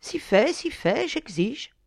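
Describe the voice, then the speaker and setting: A woman's voice: on the low side, very animated, measured pace, darkish tone, no echo, studio quality. A woman reading a bitter young nobleman. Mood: bitter resigned. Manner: bitter, resigned.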